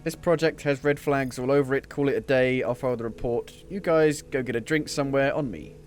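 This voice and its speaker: A man comments casually on a video game. He reads dialogue options out and muses to himself in a mid-pitched voice, with faint game music behind. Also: a little fast. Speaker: game streamer.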